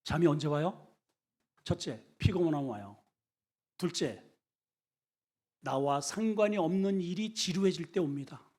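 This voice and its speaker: A male senior pastor preaching a sermon in a folksy, colloquial way, swinging between hushed and loud, emphatic lines. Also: on the high side, expressive, a little slow, pauses often. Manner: folksy, colloquial storytelling with humor.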